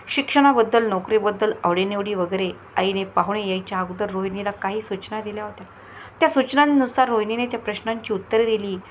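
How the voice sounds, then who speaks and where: A woman storyteller reading a scripted moral story aloud in a steady storytelling way. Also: mid-range voice, a little hiss or hum, low-quality recording.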